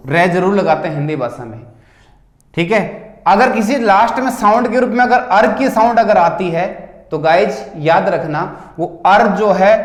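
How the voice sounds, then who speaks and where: A man with a fairly high voice talks through a test paper as a teacher, with a Rajasthani accent. He explains step by step, putting questions to the class and answering them himself. His voice rings in a roomy, echoing space. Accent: Rajasthani Hindi. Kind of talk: exam paper solution lesson. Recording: echoey room.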